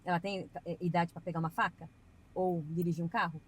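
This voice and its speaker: Earnest chatty woman, husky voice. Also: fairly low pitch, fairly even intonation, brisk, rough recording. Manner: earnest and chatty, preachy asides. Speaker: podcast guest. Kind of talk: casual testimony.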